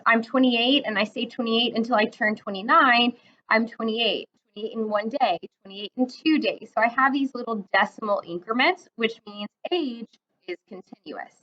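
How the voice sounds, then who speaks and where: Her pitch fairly high and her tone bright and forceful, a woman in her twenties explains math step by step in a recorded class. She keeps checking in with "right?", and the audio is dull and lo-fi.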